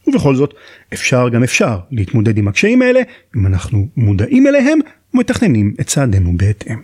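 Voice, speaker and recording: Israeli man narrating, slightly husky, lively intonation. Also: medium pitch, dry recording. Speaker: podcast host. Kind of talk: scripted narration.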